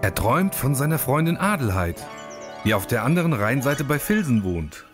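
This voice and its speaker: Man narrating a storybook, animated. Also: medium pitch, normal speed, music in the background. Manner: expressive, animated.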